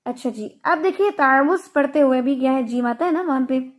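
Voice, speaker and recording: A woman teaching Quran recitation in an online lesson, explaining patiently and stretching out her examples. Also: high-pitched. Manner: slow, patient explaining with drawn-out Arabic examples.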